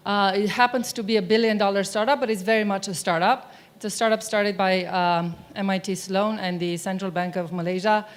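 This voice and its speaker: Speaking brisk and with hardly any pauses, this keynote speaker keeps a medium pitch and fairly even intonation. She's a middle-aged woman from Romania on a large conference hall's stage with a mic, chatty and frequently asking the audience questions.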